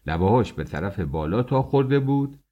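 A fussy office servant drags out each question with maddening slowness, voiced by a man reading an audiobook. The voice sits deep and low. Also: big pitch swings, highs cut off. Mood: probing. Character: nitpicking male office servant, slow questioner.

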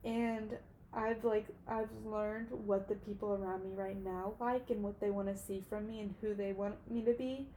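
This podcast host, a woman in her early twenties, has a warm mid-range voice and a steady tone at normal speed, with a little hiss or hum. She rambles through an emotional solo monologue, leaning heavily on "like".

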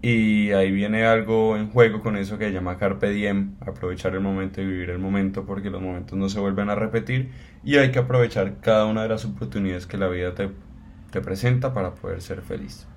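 A man's voice: fairly low pitch, steady tone, brisk, a little hiss or hum. An eighteen-year-old man from Cali with a Colombian accent, co-hosting a casual podcast intro with many fillers and restarts. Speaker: podcast co-host.

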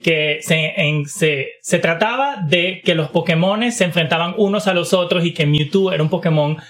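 Man with a fairly high voice, podcast co-host, animated storyteller who talks in quick bursts. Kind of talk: casual chat.

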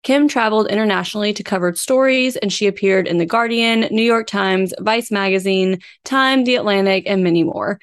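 A woman's voice: medium pitch, fairly quick, hardly any pauses, clean tone. Woman hosting a conversational true crime podcast. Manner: conversational, informal storytelling from researched notes. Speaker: podcast co-host. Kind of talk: true crime podcast, case narration mixed with casual chat.

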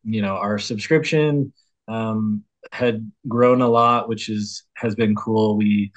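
A man's voice: on the low side, steady tone, slow. A man who roasts coffee talking as a podcast guest, easygoing and rambling. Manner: rambling and easygoing, many fillers. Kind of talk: casual interview talk.

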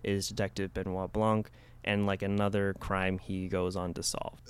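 Smooth low-voiced male podcast co-host. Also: flat delivery, normal speed. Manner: rambling, many "like"s and restarts. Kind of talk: casual film review chat.

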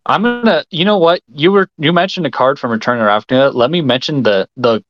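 A man hosting a casual chat, excitable and quick to laugh. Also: medium pitch, no room sound, dull audio.

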